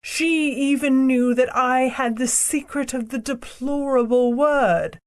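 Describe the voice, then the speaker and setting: A woman voicing a proud, cruel ancient queen and sorceress in an audiobook, speaking in a slow, imperious, theatrical way. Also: high-pitched. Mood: haughty. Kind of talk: audiobook character reading.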